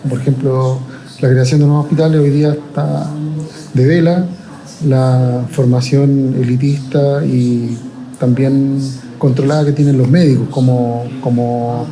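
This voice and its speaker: A man's voice: mid-range voice, flat delivery, a little slow, mellow, low-quality recording. A man giving an analytical interview answer, full of fillers.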